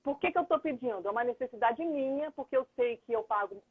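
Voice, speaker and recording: A middle-aged woman talks earnestly as a guest on a live chat, explaining things and thinking aloud. Her voice sits fairly high and sounds husky. The audio is thin and tinny, like a phone line. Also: animated, fast. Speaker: lawyer and mediator, guest. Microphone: phone or computer on a video call.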